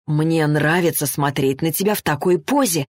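An insistent young lover from a romance audiobook, read by a woman. He talks low and slow and coaxes. The voice sits lowish, in a dry, close room. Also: dry recording. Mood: teasing.

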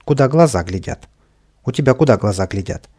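A man's voice: medium pitch, a little fast, lightly acted. A man voicing a mischievous, bossy little sprite who eggs a boy on in a children's audiobook. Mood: coaxing. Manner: excited, coaxing, shouting orders. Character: mischievous impish male sprite, bossy troublemaker.

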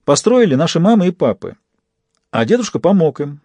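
A man's voice: a little high, sing-song, brisk, dark tone, dry recording, pitched above the performer's own voice. A man reading an audiobook voices a small, dreamy girl who talks to her toy hare in a childlike, secretive way. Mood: earnest.

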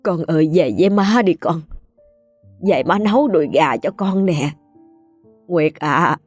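A woman's voice: sits low, unhurried, a little mellow, slightly rough, faint music behind. A woman voicing a tearful, grieving rural mother. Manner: tearful, pleading.

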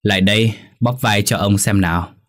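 A man's voice: on the low side, steady tone, normal speed, a bit bright, natural voice. A man voicing a domineering, drunken old village chief who speaks with a slurred drawl. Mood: gruff drawl.

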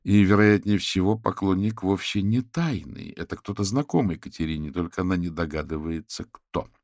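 A man with a low, gravelly voice reads a novel aloud as an audiobook narrator. The sound is dry and close, with no room around him, and he tells the story steadily. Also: moderate pace, darkish tone, no room sound. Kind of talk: scripted narration.

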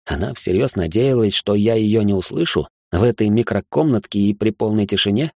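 A man's voice: on the low side, expressive, a little fast, a little mellow, no room sound, studio quality. A man narrating a first-person fantasy audiobook in a wry, sardonic manner.

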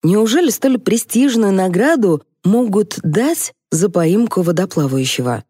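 A woman narrating an audiobook in a wry, even storytelling manner. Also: mid-range voice, unhurried, slightly rough, no echo, studio quality. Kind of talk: scripted narration.

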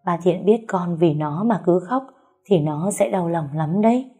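A firm, caring old grandmother in an audiobook, steady and admonishing, as a woman narrator puts her on. The voice sits low and husky, with a mellow, soft tone. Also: unhurried, soft background music.

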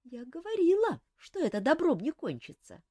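A woman voicing a lazy, gossipy court lady who drawls in a high voice. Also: wildly swooping pitch, moderate pace, mellow, dry recording, clean studio sound.

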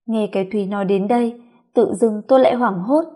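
A woman's voice: medium pitch, fairly quick, mellow. A woman narrating a first-person audio story in a confiding, reflective way.

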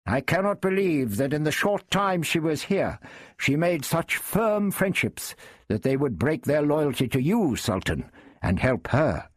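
A man's voice: a little high, big pitch swings, a little slow, dry recording, studio quality, voice pushed up. A man doing a firm young English knight. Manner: firm, earnest, argumentative.

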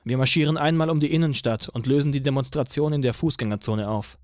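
A laid-back, cheeky band leader talks in a relaxed, matter-of-fact way, as a man voices him in an audiobook. The voice stays close to an everyday pitch. The sound is dry and close. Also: fast, no echo, close to an everyday voice. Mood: calm. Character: easygoing male band leader, cheeky and calm. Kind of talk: audiobook dialogue reading.

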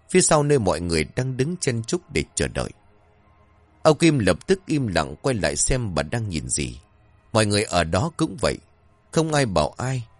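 A man narrates a horror story in a deep, low voice. His pitch swings widely for suspense and drama. Faint music plays beneath. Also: dry recording.

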